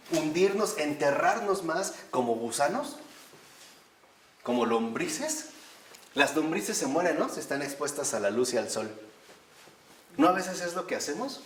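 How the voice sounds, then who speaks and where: A man's voice: on the high side, a bit bright, distant mic, a little hiss or hum. Man preaching in an echoey room. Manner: asks the audience questions and answers them, emphatic. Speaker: speaker giving a talk on recovery steps and meditation. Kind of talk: spiritual talk with audience questions.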